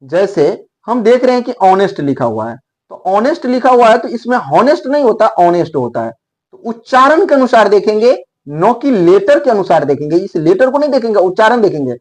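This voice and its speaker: A man teaching a lesson, explaining pronunciation and repeating words slowly to show how they sound. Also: high-pitched, very animated. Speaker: English teacher.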